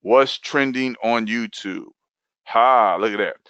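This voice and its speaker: Animated man repeating himself for emphasis. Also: medium pitch, takes it slowly, dry recording, highs cut off. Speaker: online video coach. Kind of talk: live online training session.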